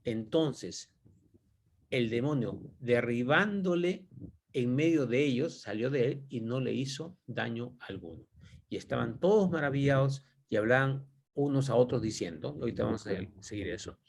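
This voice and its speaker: A man's voice: mid-range voice, moderate pace, creaky. Spanish-speaking man teaching scripture conversationally. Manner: conversational, rhetorical questions, thinking aloud. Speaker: Bible study teacher. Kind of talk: informal Bible teaching.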